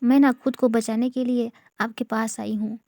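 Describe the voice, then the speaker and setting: A woman voicing a mischievous young woman who pleads and teases, in a gravelly, dark voice. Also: on the high side, level tone, normal speed, dry recording, studio quality. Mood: pleading. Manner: pleading and teasing.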